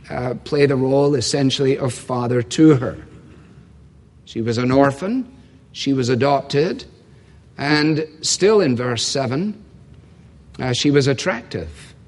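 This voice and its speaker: A man preaching an expository sermon, emphatic, repeating key lines and asking rhetorical questions. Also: fairly high pitch. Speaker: pastor. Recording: long reverb from a large hall.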